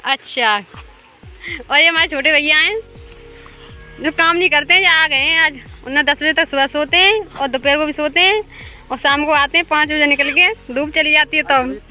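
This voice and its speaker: Bright high-voiced woman vlogging outdoors. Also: normal speed, soft background music. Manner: chatty, laughs often. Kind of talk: casual farm vlog. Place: outdoors in rural fields.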